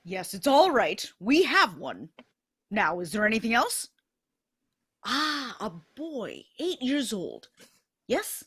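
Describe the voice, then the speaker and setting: A woman's voice: on the high side, very animated, takes it slowly, long pauses, fairly bright tone, husky, dry recording, studio quality, exaggerated voice. A woman playing a jolly old male Santa Claus taking phone orders, cheerful and chuckling in a live radio-play reading.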